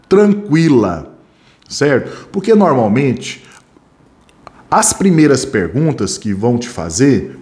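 A middle-aged man with a Brazilian Portuguese accent, a security training instructor teaching in a classroom, talking with his hands and correcting himself as he goes. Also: medium pitch. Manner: animated, talks with his hands, self-correcting. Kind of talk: classroom-style lesson with acted examples.

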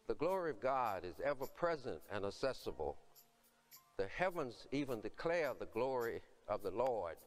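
Standing at a podium on a dark church stage, an older man, a deacon, reads scripture and prays slowly, solemnly and in a measured way. His voice sits in the mid range.

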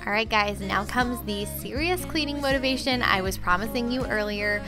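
A woman's voice: fairly high pitch, normal speed. A young woman chatting casually in a vlog voice-over, full of "like" and "um" fillers. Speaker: lifestyle vlogger. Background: background music.

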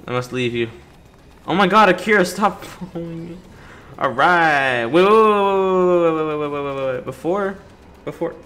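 With light game music in the background, a man with a fairly bright, higher-pitched voice does playful YouTube playthrough commentary. He chatters away in slang and talks back to the characters on screen.

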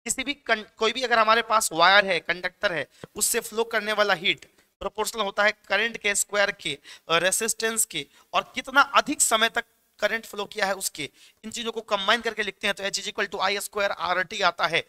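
A man's voice: high voice, normal speed, pushed and bright, clean tone. A young man with a Bihari Hindi accent teaching physics exam questions in a chatty, joking classroom manner, mixing in English terms. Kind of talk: exam-prep lecture.

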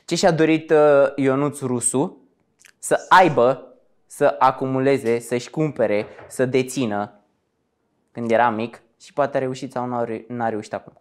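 Young interviewer in their twenties, mid pitch, easygoing teasing tone. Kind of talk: casual interview chat.

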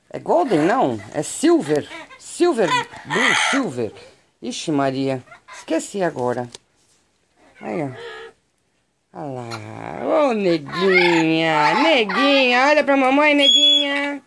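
A woman's voice: medium pitch, creaky, noisy background. A Brazilian woman with a Brazilian Portuguese accent filming her backyard birds and pets. She talks to the animals in sing-song baby talk. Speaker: animal channel vlogger. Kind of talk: casual vlog talking to pets. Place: outdoors in a backyard with chickens.

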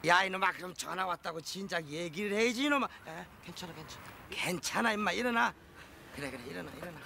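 A man's voice: sits high, expressive, fast talker, vocal fry, crowd noise. An actor playing a hot-tempered man who curses and berates a boy. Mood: berating. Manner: cursing, scolding. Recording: noticeable background noise.

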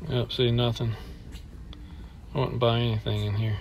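Filming his walk through an indoor mall on a handheld phone, a middle-aged vlogger complains bluntly. He speaks at a normal speed in a level, medium-pitched voice with a darkish tone, and there's slight background noise.

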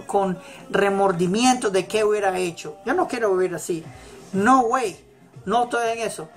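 A woman giving a motivational religious talk, emphatic and repeating her key phrases. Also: medium pitch. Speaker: religious teacher. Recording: faint music in background. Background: faint celebration music.

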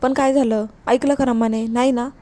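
A woman's voice: fairly high pitch, steady tone, normal speed, dark tone, close to an everyday voice. A woman reading the lines of a stern old grandmother who speaks in a curt, scolding way.

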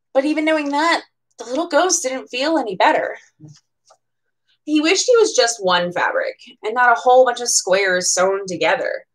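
A twentysomething American woman, working as a bookseller at a storytime event, reads a children's picture book aloud with plenty of expression and tosses in casual, chatty asides. Her voice is a little high with a fairly bright tone. The low-quality recording was made in a small room at home.

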